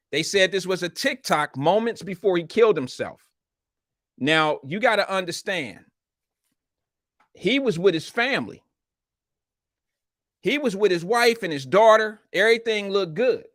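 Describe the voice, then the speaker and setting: Higher-voiced man talking with a retainer in. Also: a bit bright, no room sound, clean studio sound. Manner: talking with a retainer in his mouth; blunt, slangy, profane. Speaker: live show host. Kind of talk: casual livestream chat reading viewer comments.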